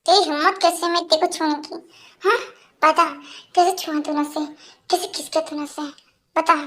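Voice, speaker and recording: Woman doing a jealous young man, hot-tempered, possessive, very high pitched, amateur fan dub. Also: takes it slowly, exaggerated voice. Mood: angry. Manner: angry, forceful, then pleading.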